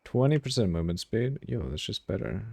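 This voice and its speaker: Deep gravelly-voiced male streamer. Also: expressive, a little fast, dry recording. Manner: swears freely, reacts loudly, reads chat messages aloud. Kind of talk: casual live-stream commentary while gaming.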